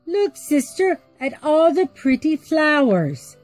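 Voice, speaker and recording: A woman's voice: high-pitched, very animated, slow pace, darkish tone, no echo, soft background music, pitched above the performer's own voice, full character voice. A woman voicing two sweet, eager young princess sisters in a storybook, in a childlike way.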